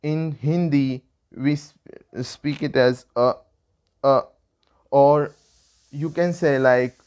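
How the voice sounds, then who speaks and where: A young Indian man teaches in an Indian English accent, speaking slowly and taking each point one at a time. His voice is smooth and clear, and he pauses to model sounds for the learner. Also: on the high side, steady tone, a little mellow. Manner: patient, explains step by step, demonstrates sounds. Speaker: language tutor. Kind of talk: online language lesson.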